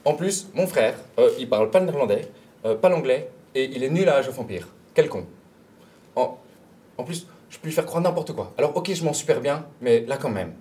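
A man's voice: mid-range voice, expressive, a little fast, mellow, natural voice. A man voicing a naive, boastful little boy who narrates his childhood in blunt, hesitant asides. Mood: scornful. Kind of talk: stage storytelling.

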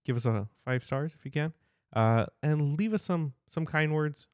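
A man's voice: fairly high pitch, moderate pace, darkish tone, no echo, studio quality. A man, co-hosting a podcast in easygoing, self-deprecating casual chat. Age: 20s. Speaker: podcast co-host.

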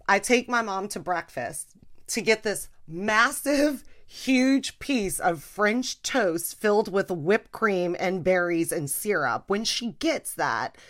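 A middle-aged woman talks straight to her listeners on a solo podcast. Her delivery is chatty and animated, frank and quick to laugh, with a bit of playful swearing mixed in. Her voice sits at an ordinary middle pitch. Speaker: podcast host and comedian. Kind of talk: casual solo podcast chat.

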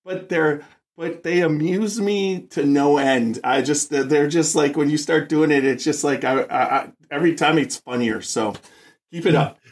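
A man's voice: a little high, moderate pace. A man co-hosting a podcast in casual chat, joking and laughing often. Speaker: podcast co-host.

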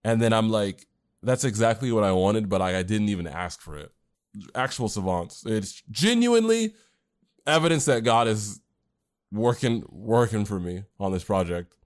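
A man's voice: on the low side, expressive, normal speed. A man co-hosting a casual podcast chat, rambling with fillers and restarts. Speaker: podcast co-host and anime creator.

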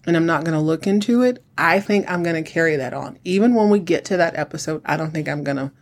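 A middle-aged podcast host with a husky voice, chatting solo in a campy, sassy drag-queen manner, sounding like a woman. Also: medium pitch. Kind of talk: chatty solo recap commentary.

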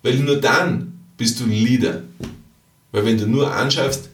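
A man's voice: medium pitch, steady tone, unhurried, distant mic. A man, hosting a podcast as a business coach, talking emphatically in repeated phrases and rhetorical questions aimed at the listener. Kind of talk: motivational business monologue. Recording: roomy echo, slightly off-mic.

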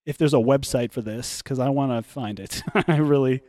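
A man's voice: medium pitch, moderate pace, darkish tone, no echo, studio quality. A man hosting a casual podcast, reacting to videos with crude banter and frequent laughter. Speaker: podcast host.

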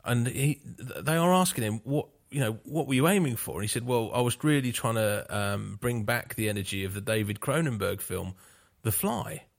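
A man's voice: mid-range voice, expressive, normal speed, gravelly, few pauses. A man in casual podcast chat, telling stories with animation.

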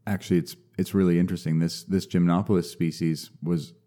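A young man speaks as a guest on a casual podcast, his low voice dark and mellow in tone. He explains things in a measured way, pausing on fillers and restarting sentences as he goes. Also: level tone. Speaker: mycologist guest.

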